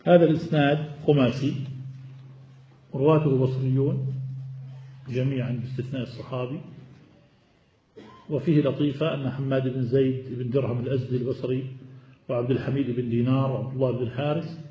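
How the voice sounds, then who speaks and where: A man's voice: medium pitch, fairly even intonation, brisk, long pauses, warm tone. A man teaching a classical text lesson, explaining each point step by step and putting questions to his students before answering them. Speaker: hadith teacher. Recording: echoey, dull lo-fi room recording.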